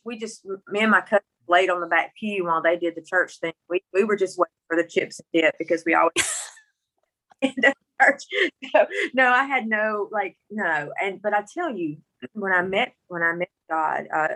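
A woman's voice: medium pitch, normal speed, pushed and bright, rough recording. A middle-aged woman from rural Mississippi with a Southern country accent, telling her personal story as a guest in a folksy, candid, emphatic way. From Mississippi, rural United States.

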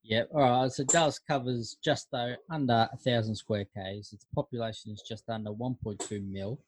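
A man's voice: mid-range voice, fairly even intonation, moderate pace, slightly rough, poor audio. A man with an Australian accent co-hosting a podcast, playful and hyped, swearing freely in casual banter. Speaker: podcast co-host.

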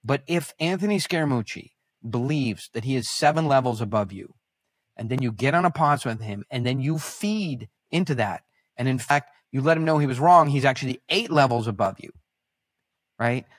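A man who is a guest on a podcast, telling animated stories with halting restarts and self-corrections. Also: medium pitch, no room sound. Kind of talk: podcast interview storytelling.

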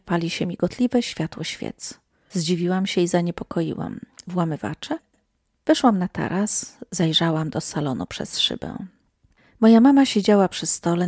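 A woman telling a first-person horror story in scripted narration, hushed and sometimes sinking to a whisper. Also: lowish voice, no room sound, studio quality.

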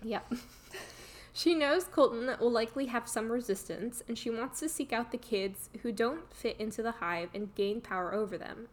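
A woman's voice: fairly high pitch, normal speed. Giggly woman summarizing a book. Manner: giggly, self-mocking, summarizing chapters. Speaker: podcast co-host. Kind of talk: casual book podcast recap.

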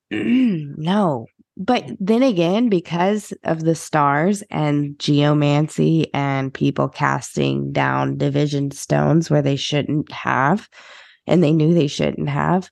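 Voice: medium pitch, takes it slowly, creaky, a little mellow, no room sound. A podcast co-host in casual chat, rambling and meandering, with frequent swearing.

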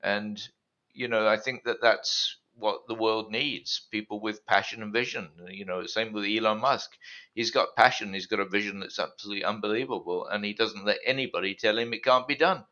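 A man with a lowish, bright voice speaking in a measured, conversational way. The recording sounds dull and lo-fi. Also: steady tone. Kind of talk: casual conversation.

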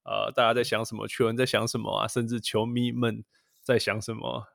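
Male podcast host, with English phrases mixed in, casual, creaky, dry recording. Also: on the low side, level tone, fairly quick, fairly bright tone, no echo. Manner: mixes English phrases into Mandarin.

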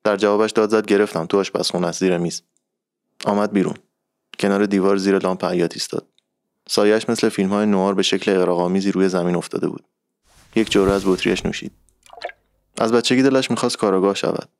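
A man narrating a literary short story in a calm, measured reading voice. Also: sits low, gravelly, dry recording, studio quality.

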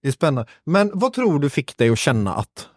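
A man's voice: a little high, very animated, dry recording, studio quality. A man hosting a casual podcast interview, asking questions and nodding along with short replies. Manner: engaged, frequent short affirmations. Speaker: podcast host.

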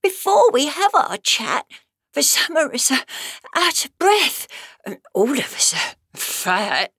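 A woman's voice: high voice, very animated, slow pace, fairly bright tone, dry recording, clean studio sound, pitched above the performer's own voice, heavily acted. A woman voicing small, naive, anxious young oysters in a storybook verse, pleading and squealing. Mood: breathless pleading. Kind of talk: storybook verse character reading.

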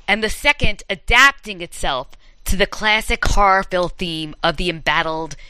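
A woman's voice: fairly low pitch, moderate pace, pushed and bright, clear, resonant tone, dry recording, poor audio. A woman hosting a chat, telling campfire horror stories in a dramatic, playful way. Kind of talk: storytelling in casual chat.

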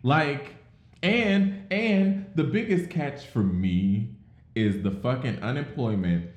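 A man co-hosting a casual podcast, wry and quick with short agreeing asides. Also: mid-range voice, animated, echoey room, highs cut off. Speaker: podcast co-host.

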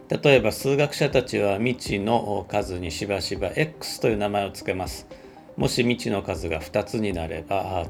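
Male computer scientist, low gravelly voice, measured explanatory delivery with fillers. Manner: measured, with frequent filler words. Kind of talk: explanatory talk.

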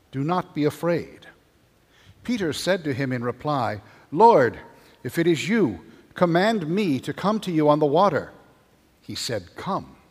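A man serving as priest, reading the gospel and preaching in a measured, earnest way, with his voice ringing in a large church. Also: medium pitch, slightly rough. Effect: cathedral echo. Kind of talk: gospel reading and homily at Mass. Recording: long cathedral reverb.

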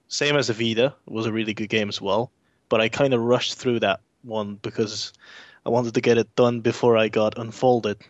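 Guy co-hosting a podcast, casual chat, medium pitch, very dry slightly dull recording. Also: no room sound. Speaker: podcast co-host.

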